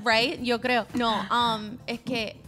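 Higher-voiced woman mixing into Spanish. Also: extremely slow, faint music behind. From United States. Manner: mixes English into non-native Spanish, animated storytelling. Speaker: guest. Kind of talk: casual interview chat.

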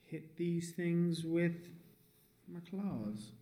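A man's voice: fairly high pitch, animated, extremely slow, mellow. A man playing in a tabletop game, making wry, joking quips in casual chat. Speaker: player. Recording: echoey room, faint hiss.

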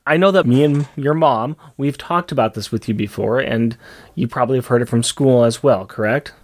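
A man's voice: medium pitch, normal speed. A man co-hosting a casual podcast, who tends to repeat his phrases for emphasis. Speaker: podcast co-host.

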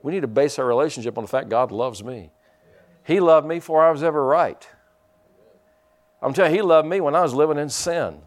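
A man's voice: a little high, brisk. Fervent man preaching with lilt. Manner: fervent, repeats words, rises to loud emphatic peaks. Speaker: pastor. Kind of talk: preaching a sermon.

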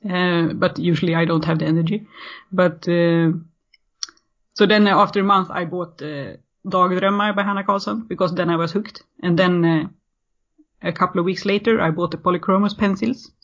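Swedish woman in her 30s, halting with lots of uhs, muffled lo-fi sound. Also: fairly low pitch, fairly even intonation. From Sweden. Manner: hesitant, many fillers and restarts. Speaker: podcast guest. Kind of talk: casual interview. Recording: muffled lo-fi audio.

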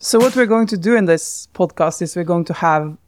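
A woman's voice: on the low side, a little fast, darkish tone, no room sound, clean studio sound, soft background music. A Norwegian woman co-hosting a podcast, talking thoughtfully in casual chat and laughing often. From Norway. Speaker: podcast co-host.

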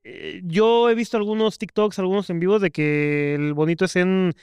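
A young man with a Mexican accent, co-hosting a podcast, who chats in a relaxed way and asks his co-hosts questions. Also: high voice, normal speed, smooth, no echo, studio quality. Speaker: podcast co-host. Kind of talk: casual chat.

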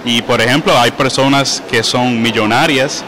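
A man, a guest calmly explaining his ideas in an interview. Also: mid-range voice, moderate pace, slight background noise. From Puerto Rico.

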